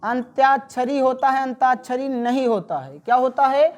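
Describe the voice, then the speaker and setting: A woman teacher taking a classroom spelling lesson, saying each word slowly and over again and putting questions to her students. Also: high-pitched, a little mellow, lo-fi sound. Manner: drills words by slow repetition, asks the class questions.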